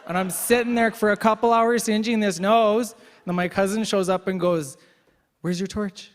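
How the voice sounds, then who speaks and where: A man's voice: high-pitched, steady tone, normal speed. A young man from the Yukon, an event MC with a slightly worn voice, telling self-deprecating jokes in casual banter to the crowd. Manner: joking, self-deprecating storyteller. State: voice getting worn. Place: large event hall. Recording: long hall reverb.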